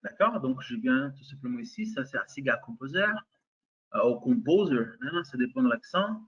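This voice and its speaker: Though very animated, fairly quick and fairly bright, this Brazilian-accented webinar presenter hesitates throughout his software demo, with many fillers and restarts. His medium-pitched voice is husky, he checks in with listeners often, and the recording is muffled.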